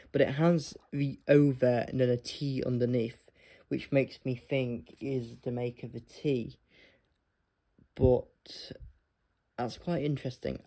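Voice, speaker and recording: A man with a relaxed, mellow voice talks through a casual review. He takes his time, halting often and laying out details piece by piece at an unhurried pace. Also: medium pitch. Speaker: product reviewer.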